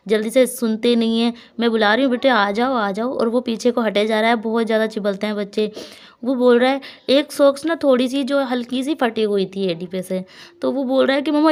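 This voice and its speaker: A woman's voice: fairly high pitch, steady tone, brisk. A young woman from India narrating her family vlog in a chatty, casual way, laughing now and then. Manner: chatty, laughs often, talks warmly to her small children. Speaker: vlogger and mother.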